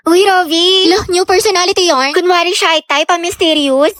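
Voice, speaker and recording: A woman's voice: very high-pitched, fairly even intonation, moderate pace, fairly bright tone, slight background noise. A woman narrating and acting a comedic school skit in a chatty, sassy way.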